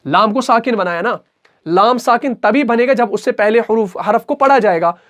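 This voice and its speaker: In an explanatory recitation lesson, a man speaks at normal speed in a high-sitting, fairly bright voice. He's patient and repetitive, posing questions and then answering them himself.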